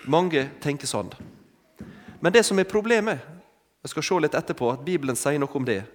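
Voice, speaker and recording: A man with a fairly high, animated voice preaches an interactive sermon with props, calling volunteers forward for an object lesson and coaxing them with short repeated commands. Long hall reverb fills the recording.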